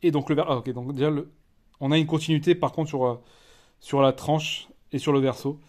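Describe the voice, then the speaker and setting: A man with a French accent giving a casual unboxing commentary as a collector, chatty and halting, with many fillers and restarts. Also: on the high side, fairly even intonation, a little mellow. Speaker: collector reviewing a disc edition.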